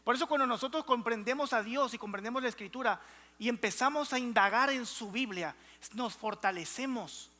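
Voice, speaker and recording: A man's voice: extremely high pitch, brisk, sharp tone. A young adult man preaching a sermon as pastor, emphatic and calling out to the congregation in a church. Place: church hall. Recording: reverberant church hall.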